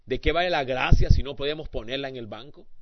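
A man preaching a sermon who swings between hushed asides and loud, emphatic appeals to the congregation. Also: medium pitch, quick pace. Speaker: pastor. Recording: dull lo-fi sound.

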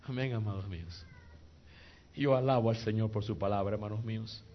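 A man preaching a sermon to a congregation in a church, emphatic and joking, swinging between shouts and soft, intimate passages. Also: lowish voice, fairly quick. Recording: dull lo-fi sound with faint noise.

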